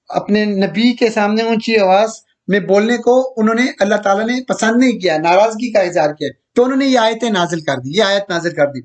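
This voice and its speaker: A male teacher giving a recorded slide lecture, who repeats each point, slowly draws out quoted verses and asks listeners whether they have understood. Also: sits high. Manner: checks understanding with questions to listeners. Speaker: grammar teacher.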